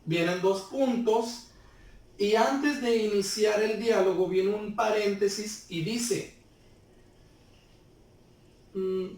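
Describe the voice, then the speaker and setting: A man's voice: sits high, takes it slowly, pauses often, darkish tone. A male teacher giving a patient lesson to pupils, explaining step by step and asking them questions. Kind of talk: remote class lesson. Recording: very echoey room, far from the mic.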